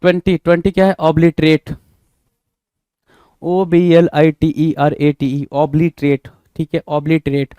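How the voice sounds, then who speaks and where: A man's voice: on the high side, flat delivery, slow, mellow, smooth, no echo. Man, Indian accent, vocabulary teacher, spells words out, dry close recording. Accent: Indian English. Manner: drills words, spells them letter by letter, asks and answers his own questions. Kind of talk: exam-prep vocabulary lesson.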